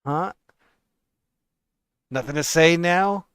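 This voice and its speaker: A man doing a raspy sneering city thug. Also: on the high side, slow, fairly bright tone, no room sound, voice pushed up. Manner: mocking, condescending.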